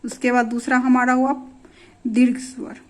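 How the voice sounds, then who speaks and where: A woman's voice: on the high side, flat delivery, normal speed. A woman teaching a grammar lesson, dictating definitions word by word and asking and answering her own questions.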